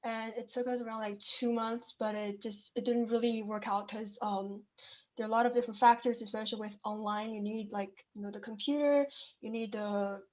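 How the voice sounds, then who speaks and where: Her voice is a little high and darkish, with fairly even intonation and a slightly quick pace. Appearing as a guest entrepreneur, this young woman, Chinese by origin and raised in Kenya, responds to interview questions in a relaxed, talkative manner full of fillers and false starts.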